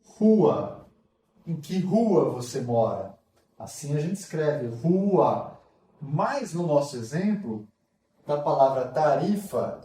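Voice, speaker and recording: A man's voice: on the high side, mellow, far from the mic, slight background noise. A man with a Brazilian accent teaching a literacy lesson, patiently sounding out syllables one by one. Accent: Brazilian Portuguese. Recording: echoey room, voice off-mic.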